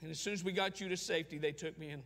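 A soft-spoken, tender mother explaining her sacrifice, as a preacher puts her on. The voice is raised in pitch and gravelly, and a long church reverb trails behind it. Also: fairly even intonation, very fast. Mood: solemn. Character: gentle self-sacrificing single mother.

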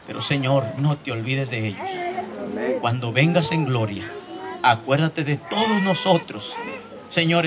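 A man leading a fervent spoken prayer in church, pleading and at times crying out, originally from Latin America. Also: medium pitch. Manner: pleading, crying out, rising to shouts.

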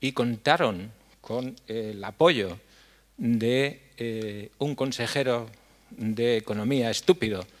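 An older man addresses a hall from a lectern. His speech is earnest and halting, broken by frequent fillers as he hunts for words. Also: medium pitch. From La Mancha, Spain. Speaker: foundation head giving a talk. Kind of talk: conference speech. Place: dark stage in a hall. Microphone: stand mic at a lectern.

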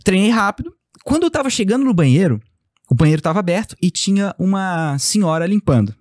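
Lively man telling a story. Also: high-pitched, fast talker, no echo, studio quality. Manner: animated storytelling, acts out quoted dialogue. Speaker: podcast guest, company founder. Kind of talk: casual interview talk.

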